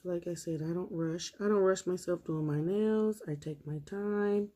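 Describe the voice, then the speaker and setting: A woman's voice: fairly low pitch, moderate pace. Woman chatting casually during nail art. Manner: relaxed, chatty, talks while working. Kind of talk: casual tutorial chat.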